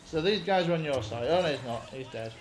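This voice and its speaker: A man's voice: a little high, animated, brisk. A man with a Northern English accent co-hosting a gameplay video, asking dry, teasing questions. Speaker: co-host watching the game. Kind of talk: casual gameplay chat. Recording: echoey room with faint noise.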